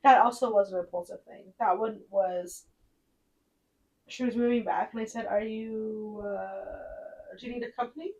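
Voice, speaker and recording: A woman's voice: mid-range voice, fairly even intonation, measured pace, darkish tone, recorded from a distance, dull audio. A woman co-hosting a casual podcast, telling stories and quoting herself and others, swearing now and then. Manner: chatty storyteller, quotes herself and others. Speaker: podcast co-host. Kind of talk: casual chat.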